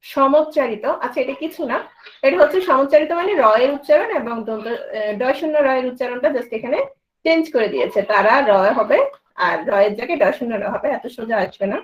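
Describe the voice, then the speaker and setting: A woman with a high voice and a Bangladeshi Bengali accent teaches a grammar class. She keeps asking her students questions and then answers them herself. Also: animated, fast talker, rough recording. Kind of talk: grammar lesson.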